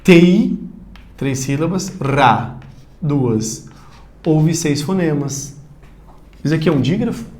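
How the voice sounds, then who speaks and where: A man with a Brazilian Portuguese accent teaching a recorded video lesson, talking straight to the viewer and loudly calling out example words. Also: a little high, measured pace, pauses often. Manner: animated, addresses viewer directly, shouts example words.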